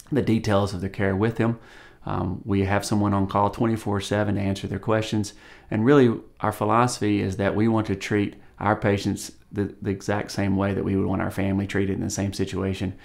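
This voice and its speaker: Surgeon, 40s, deep monotone voice, studio interview. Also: male voice, gravelly. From Tennessee, USA. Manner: measured, frequent ums and uhs. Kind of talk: on-camera promotional interview. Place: studio with plain grey backdrop.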